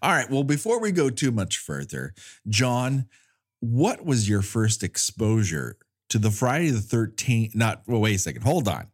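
A man's voice: medium pitch, very animated, moderate pace, breathy edge. A man hosting a podcast with jokey banter and showy turns of phrase. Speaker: podcast host.

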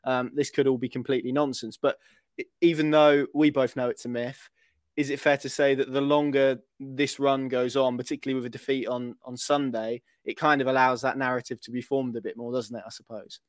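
Man, very quick, flat intonation, hesitant football interviewer, dry close sound. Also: mid-range voice, no echo. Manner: hesitant, long hedged questions. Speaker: interviewer, host.

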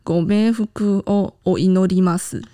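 A man's voice: high-pitched, fairly even intonation, normal speed, mellow. A man with a Taiwanese Mandarin accent on a casual panel chat, animatedly coaching Japanese and Korean phrases piece by piece.

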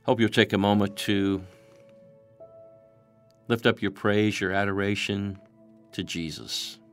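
Slow-paced male prayer guide, low pitch, hushed and reverent, with a light music bed. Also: fairly even intonation. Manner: slow, soft, reverent delivery.

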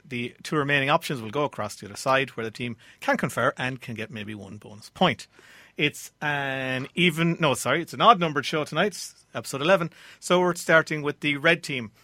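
A man's voice: mid-range voice, pushed and bright, dry recording. An Irish-accented man presenting a radio quiz show as its host. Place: radio studio.

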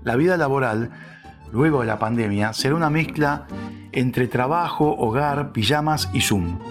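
A man's voice: medium pitch, moderate pace, soft background music. A man reading a scripted opinion piece with wry, sarcastic asides. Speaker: narrator.

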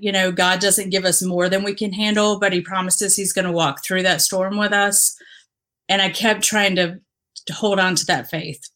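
A woman with a somewhat low voice talks in a candid interview. She is earnest and reflective, and she pauses often with fillers and restarts her sentences. She grew up in the Dominican Republic. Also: fairly bright tone. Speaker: interview guest, injured former police officer.

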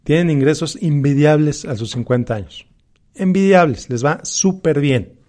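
A man's voice: on the high side, moderate pace, dark tone. A man with a Mexican accent giving a motivational personal finance talk as an advisor, emphatically repeating key phrases and posing rhetorical questions.

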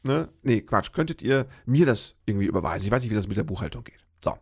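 A man's voice: fairly low pitch, animated, fast, vocal fry, husky. A male comedian telling a rambling, self-mocking story in a casual chatty monologue.

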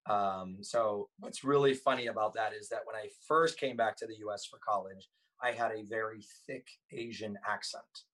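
A man's voice: on the low side, steady tone, normal speed, a bit bright, poor audio. A man in his forties whose first language is Thai, a guest talking casually in an interview, rambling with lots of ums and restarts. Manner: rambling with frequent ums and self-corrections.

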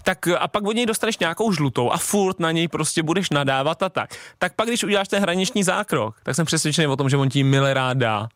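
Lively man telling football stories, dry studio. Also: fairly high pitch, hardly any pauses, no room sound. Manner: animated storyteller, acts out referees' lines. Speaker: footballer and podcast co-host. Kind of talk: casual chat.

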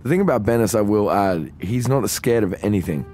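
This Australian-accented man co-hosts a podcast, telling a story in casual chat with faint music behind him. His fairly low voice moves a little fast, and he's animated, swearing freely and acting out what people said.

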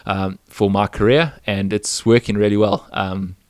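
Low-voiced man in a dry, close recording. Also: steady tone, a little slow, a little mellow, no room sound. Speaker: professional triathlete, interviewee. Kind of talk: casual, reflective interview.

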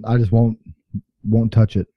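A man's voice: lowish voice, level tone, a little slow. A man in casual chat as a podcast co-host, in lo-fi sound.

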